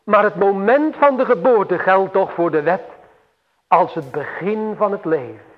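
Solemn Dutch-style preacher on tinny radio. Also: male voice, sits high, lively intonation. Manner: slow, solemn preaching with emphatic swells and long pauses. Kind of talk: sermon. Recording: tinny phone-like radio broadcast with long hall reverb.

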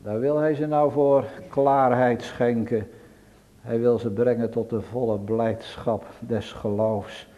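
A man preaching a sermon to his congregation in a church, solemn and pleading, swelling to loud emphatic peaks. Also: mid-range voice, fairly even intonation, slow, highs cut off. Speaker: pastor.

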